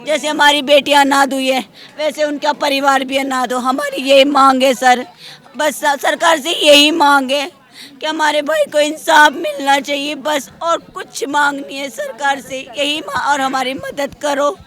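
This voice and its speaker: Impassioned high-pitched woman. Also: measured pace, fairly bright tone. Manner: impassioned, demanding justice. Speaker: victim's sister. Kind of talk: street interview testimony.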